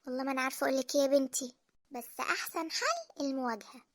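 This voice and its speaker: A woman voicing a caring older mother gently advising her daughter in an Egyptian cartoon, with an Egyptian accent. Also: high-pitched, animated, racing, dry recording, clean studio sound. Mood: gentle. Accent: Egyptian Arabic. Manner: soft, advising. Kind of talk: cartoon voice acting.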